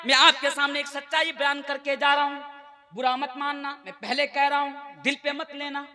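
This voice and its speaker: A man's voice: level tone, normal speed, sharp tone, faint music behind. A man in his twenties from India preaching a sermon to a live gathering, declaiming with passion and calling on the crowd to respond. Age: 20s. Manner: impassioned, high-pitched declamation with call-and-response to the crowd.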